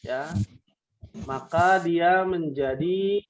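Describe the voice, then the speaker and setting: Slow, patient male language teacher. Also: fairly high pitch, highs cut off. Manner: patient, drawn-out drill questions, repeats answers back. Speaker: Arabic teacher. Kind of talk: online language class drilling.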